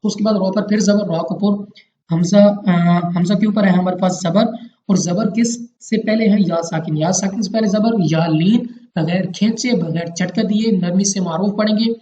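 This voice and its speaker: A man's voice: high voice, moderate pace, warm tone. Man, patient recitation teacher, methodical and repetitive, roomy echo, dull lo-fi sound, faint hiss. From Pakistan. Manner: patient, repeats each rule methodically. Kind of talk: step-by-step tajweed lesson. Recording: roomy, dull lo-fi home recording.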